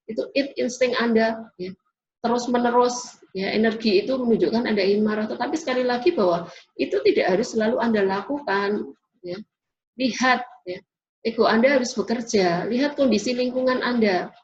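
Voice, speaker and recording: A woman giving a classroom lecture in an explanatory way, often tagging sentences with a questioning "ya". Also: on the high side. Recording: dull lo-fi recording.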